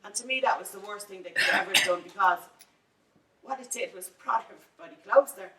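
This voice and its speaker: A woman with a Dublin accent tells her story to a panel audience and builds into open indignation. Her voice is bright and carries, but it is heard from a distance in a large echoey hall. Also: medium pitch, fast talker. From Ireland. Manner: indignant, storytelling, rising to anger. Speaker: local campaigner on a panel. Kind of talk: impassioned panel talk.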